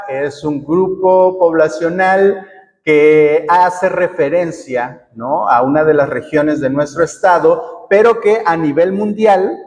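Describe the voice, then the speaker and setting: A woman's voice: on the low side, darkish tone. A woman from the coast of Oaxaca with a Mexican accent, leading a workshop and explaining patiently while often checking with her listeners. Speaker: workshop facilitator. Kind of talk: teaching a workshop. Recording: long reverb in a hall.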